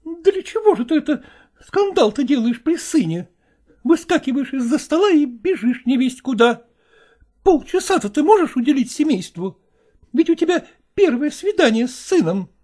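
A woman voicing a sharp-tongued middle-aged wife who scolds her estranged husband in a shrill, needling way. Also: very animated, normal speed. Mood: scolding.

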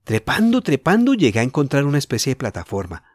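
A man's voice: mid-range voice, wildly swooping pitch, fast, dry recording, clean studio sound, voice pushed up. A man voicing an eager teenage boy telling the others about a discovery, in a storybook reading. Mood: excited.

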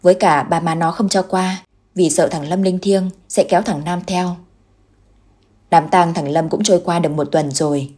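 Mellow, husky female storyteller. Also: lowish voice, steady tone, normal speed. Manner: voices the characters with raised, louder delivery. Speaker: narrator. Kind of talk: scripted ghost story narration.

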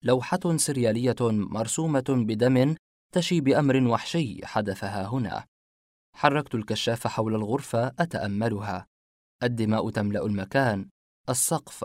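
A man narrating a horror mystery story in a measured, suspenseful reading. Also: medium pitch, a little mellow, no room sound, clean studio sound.

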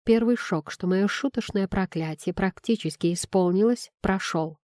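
Woman, audiobook narrator, first-person, expressive reading, mellow tone, dry close sound. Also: mid-range voice, moderate pace, no room sound.

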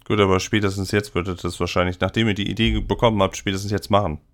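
A man's voice: lowish voice, steady tone, rapid-fire. A man running a tabletop role-playing game as game master, narrating hesitantly with many fillers and restarts.

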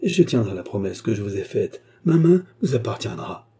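A man voicing a young woman in despair who speaks softly and pleads in a broken voice in a storybook reading. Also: on the low side, very animated, brisk. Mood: pleading.

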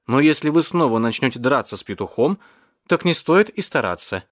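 A man's voice: mid-range voice, animated, fairly quick, fairly bright tone, no echo, clean studio sound, lightly acted. Male reader doing a firm young woman, audiobook role. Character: kind sensible young woman, the hero's sister.

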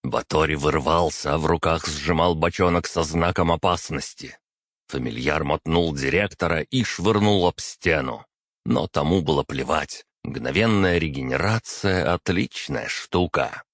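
A man narrates a first-person fantasy audiobook in a steady, measured way. His voice is extremely deep, and the recording is dry and close with no room sound. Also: no echo.

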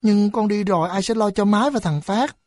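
A woman's voice: mid-range voice, normal speed, dark tone, no room sound, studio quality, close to an everyday voice. A woman voicing an earnest teenage boy who pleads and teases his little brother in an audiobook. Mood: tearful. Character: earnest teenage boy, tearful then cheerful.

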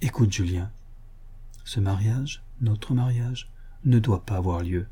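Storybook role: male reader playing a fearful young fiancée, trembling, hushed pleas, dark tone. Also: on the low side, takes it slowly, slightly rough, heavily acted. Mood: pleading anguish. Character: anguished young woman bride, fearful and torn.

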